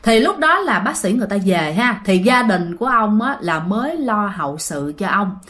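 A woman's voice: medium pitch, big pitch swings, normal speed, fairly bright tone. A woman narrating a ghost story in a chatty way, often addressing her listeners directly.

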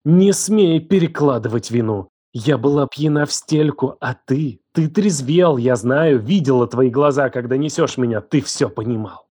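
A man voicing a distraught young woman who raised the man she now accuses, her voice trembling, shouting and hissing. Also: mid-range voice, moderate pace, few pauses, breathy edge, no room sound, studio quality, lightly acted. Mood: furious. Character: distraught furious young woman, betrayed guardian.

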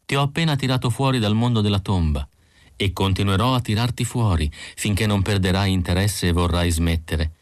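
A man voicing a calm male spiritual guide who speaks slowly and gently in an audiobook. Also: lowish voice, no echo, clean studio sound, natural voice. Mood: gentle.

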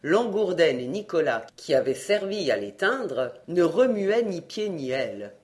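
A reader narrating a children's adventure novel in a measured, lowered storytelling voice. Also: sing-song. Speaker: audiobook reader.

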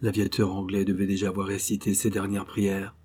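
A male audiobook narrator reads in a measured, grave storytelling manner. His voice is low, dark and mellow with a husky edge. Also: monotone. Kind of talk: scripted narration.

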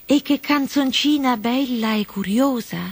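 A woman's voice: sits high, measured pace, no echo, pitched above the performer's own voice. A woman voicing a curious, polite young girl who asks many questions.

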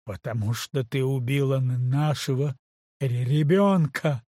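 Male reader as broken young man, stammering, low, husky, dry close sound. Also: a little slow, mellow, no echo, lightly acted.

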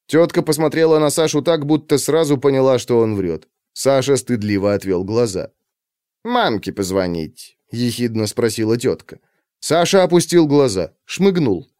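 A man narrating a crime audiobook with expressive storytelling. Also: mid-range voice, moderate pace, smooth, no room sound, clean studio sound.

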